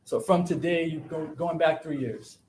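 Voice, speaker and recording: A man, a defense attorney, quickly questioning a witness from a courtroom podium with halting restarts, heard in a courtroom recording. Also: a little mellow. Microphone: courtroom podium microphone. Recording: echoey courtroom, faint rumble.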